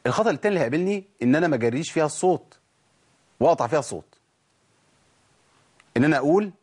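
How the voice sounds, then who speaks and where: A man with an Egyptian accent teaching Quran recitation, explaining patiently and demonstrating sounds slowly. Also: fairly high pitch, lively intonation, darkish tone, breathy edge. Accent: Egyptian Arabic. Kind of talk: recitation lesson.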